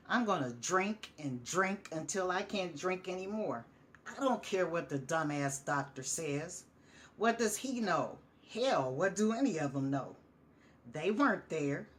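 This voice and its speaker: A woman's voice: deep voice, a bit bright, a little hiss or hum. A woman voicing a guilt-ridden, paranoid male veteran who drinks, talking in a raised, agitated, rambling way. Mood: bitter.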